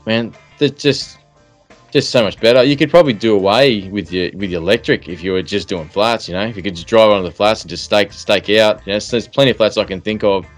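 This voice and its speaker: A man's voice: lowish voice, fairly quick, faint music behind. A man talks casually. His delivery is laid-back and full of slang, like a mate chatting on a fishing show. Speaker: fishing podcast host. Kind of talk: casual chat.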